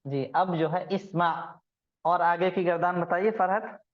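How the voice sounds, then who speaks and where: A man leads an online grammar lesson, patient and methodical as he quizzes his students. His voice sits a little high. The sound is muffled, like a lo-fi call. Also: fairly even intonation, unhurried. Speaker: Arabic grammar teacher.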